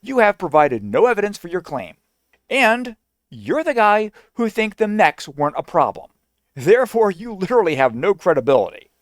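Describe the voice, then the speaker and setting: A man's voice: sits high, very animated, normal speed, dry recording, clean studio sound. A man giving an indignant, argumentative reaction commentary, now and then mocking others in a sing-song voice.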